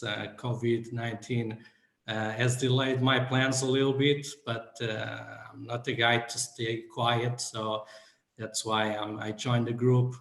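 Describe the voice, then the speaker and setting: A man's voice: on the low side, fairly bright tone. Hesitant man from Portugal on a call. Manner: hesitant, many fillers. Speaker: guest wine lover. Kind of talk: casual video call introduction. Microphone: video call. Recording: echoey room on a video call.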